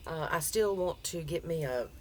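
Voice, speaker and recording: A woman's voice: low voice, animated, moderate pace, darkish tone. A woman with a Southern US accent and a folksy drawl, chatting casually as a crochet vlogger. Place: outdoors on a front porch. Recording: outdoor background noise.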